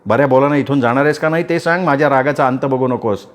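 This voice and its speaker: A man's voice: medium pitch, fast, natural voice. A man voicing a proud, commanding young village woman who speaks firmly and with contempt. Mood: contemptuous. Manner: firm, contemptuous.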